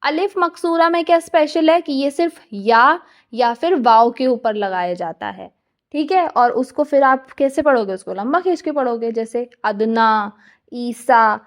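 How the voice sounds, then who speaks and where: A woman's voice: high-pitched, expressive, moderate pace. A young woman teaching a lecture, explaining step by step and often checking with her students. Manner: patient, repeats "theek hai" to check understanding.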